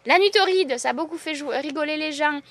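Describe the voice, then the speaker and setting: A woman's voice: sits high, a little fast, a bit bright, no room sound. Chatty woman with a Landes accent. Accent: Landes (southwest French). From Landes, southwest France. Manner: enthusiastic, chatty, laughs often. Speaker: herbalist. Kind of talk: casual interview chat.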